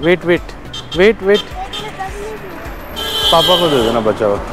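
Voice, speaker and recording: A man's voice: fairly high pitch, big pitch swings, slow, over music. A man in his thirties chatting casually as a travel vlogger outdoors on a road trip, mixing English words into his talk. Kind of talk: casual travel vlog narration. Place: outdoors on a road trip, by roadside stalls and a temple.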